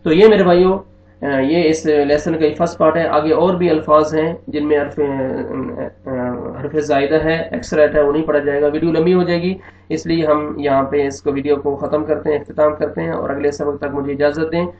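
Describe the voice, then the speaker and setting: A man's voice: fairly high pitch, little pitch movement, moderate pace, darkish tone. A man teaching a Quran reading lesson, patiently repeating each rule and checking in with his students. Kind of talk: recorded online lesson. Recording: echoey, dull lo-fi room sound.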